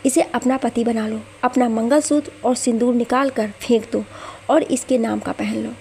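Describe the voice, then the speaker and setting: A woman's voice: on the high side, fairly even intonation, quick pace, gravelly, slight background noise. Woman voicing an angry betrayed husband, Veer. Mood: bitter. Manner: shouting, bitter. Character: angry betrayed young husband shouting accusations.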